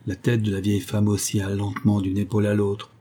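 A man with a husky voice narrating a gothic tale as an audiobook reading. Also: fairly low pitch, monotone, fast, dark tone.

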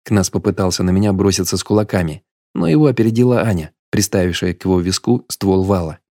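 A man narrating an audiobook in a steady, measured storytelling manner. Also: low voice, no echo, studio quality.

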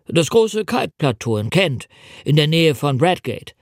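A man's voice: fairly high pitch, big pitch swings, unhurried, no echo, studio quality, pitched above the performer's own voice, full character voice. A man reading the lines of a deferential old coastguard who answers politely and ponders aloud.

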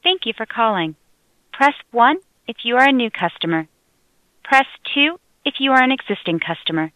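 A woman's voice: fairly high pitch, lively intonation, normal speed, no room sound. A woman's recorded phone message from an automated menu, reading polite, scripted prompts. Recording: muffled lo-fi phone line with loud noise.

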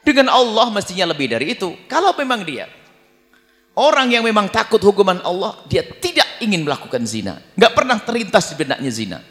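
A man delivers an Islamic sermon in a high, lively voice that leaps up and down in pitch. His words ring out with the long reverb of a large hall. He now and then slips into a low mutter to mimic the people he talks about. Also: brisk. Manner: animated, acts out quoted prayers in a low mumbling voice. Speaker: preacher.

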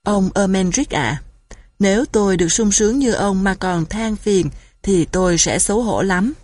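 A woman's voice: medium pitch, normal speed, a little mellow, dry recording, studio quality, close to an everyday voice. A woman voicing a wise, courteous female goose who leads her flock in a storybook reading. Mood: polite. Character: wise, polite female wild goose leader. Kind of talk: storybook narration.

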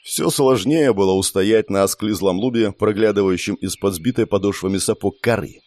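Male audiobook narrator; low, dry, steady first-person storytelling. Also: normal speed, dry recording.

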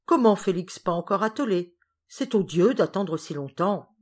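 A woman voicing an impatient, fussy lady who talks high and loud in exclamations. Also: expressive, moderate pace.

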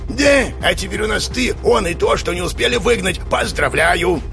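A man's voice: sing-song, normal speed, vocal fry, over music. A man narrating a story voices an old, eccentric exorcist who mocks and lectures theatrically. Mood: sarcastic. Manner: mocking, theatrical, high-pitched. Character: old eccentric male exorcist, mocking and sardonic.

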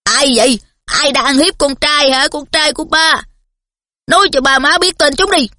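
A woman's voice: high voice, moderate pace, pushed and bright, no echo, pitched above the performer's own voice. A woman voicing a blustering, hot-tempered middle-aged father who bellows threats, in a storybook reading. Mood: angry.

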